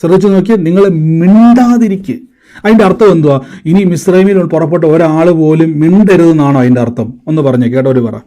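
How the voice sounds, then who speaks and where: A man's voice: a little high, fast talker, dark tone. A man from preaching a sermon, asking the congregation questions and waiting for their answers.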